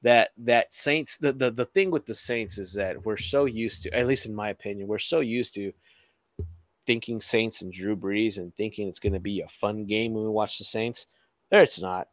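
A man's voice: fairly low pitch, normal speed, no echo. A man co-hosting a casual sports podcast, swearing freely, laughing often and restarting his sentences. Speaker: podcast co-host.

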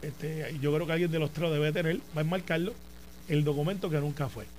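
A Puerto Rican man talks politics in a rapid, chatty rush, his voice sitting a bit high. He tells stories with animation and relish. A soft hum runs underneath. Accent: Puerto Rican Spanish. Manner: animated storyteller, fast and talkative. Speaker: senator and show co-host. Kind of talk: casual political debate.

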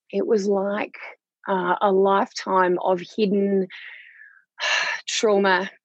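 A woman's voice: mid-range voice, gravelly, breathy edge, dry recording, lo-fi sound. A woman in her forties with an Australian accent, talking frankly and chattily as an interview guest. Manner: frank and chatty, with casual Aussie slang. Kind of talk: candid personal interview.

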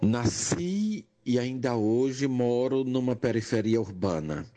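Older Pernambucan man, nurse-educator; slow, measured testimony with rising emphasis. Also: mid-range voice, lively intonation, mellow. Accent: Pernambuco Portuguese. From Brazil, Pernambuco. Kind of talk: personal testimony monologue.

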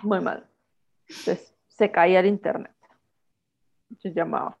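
Lively woman telling stories. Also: fairly low pitch, a little slow, vocal fry, dull audio. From Guatemala. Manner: animated storyteller who acts out dialogue. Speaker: podcast co-host. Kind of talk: casual chat.

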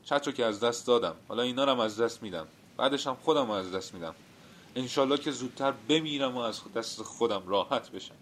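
A man's voice: fairly low pitch, animated, a little hiss or hum. A man voicing a flustered, forgetful middle-aged clerk who pleads and scolds himself in an audio story. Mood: upset. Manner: agitated, pleading and self-scolding.

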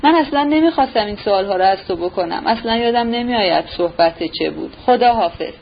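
Woman reading as an anxious gentle prince. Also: mid-range voice, animated, creaky. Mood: apologetic. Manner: agitated, earnest. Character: gentle, anxious young prince, dazed and apologetic. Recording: dull recording with faint hiss.

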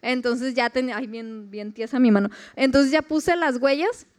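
Young Mexican woman, high and clear voice, lively casual testimony that slips into quoted voices. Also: normal speed. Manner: animated, acts out quoted voices, laughs often. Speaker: speaker sharing a personal testimony. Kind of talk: casual faith testimony storytelling.

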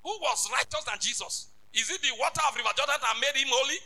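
A man preaching a sermon as a bishop, emphatic and repetitive, rising to shouts. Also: extremely high pitch, animated, fast talker, rough recording.

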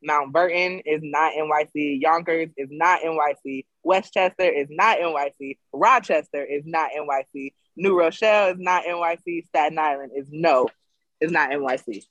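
A young man chats in an upbeat way, his voice sitting on the higher side. He sounds close to the mic, and the recording is dry. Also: moderate pace, a bit bright, no echo, muffled recording. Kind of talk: casual chat.

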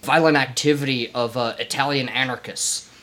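A man's voice: mid-range voice, fairly even intonation, moderate pace, pushed and bright. A man casually telling a history story on a podcast, rambling with lots of fillers. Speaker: podcast co-host.

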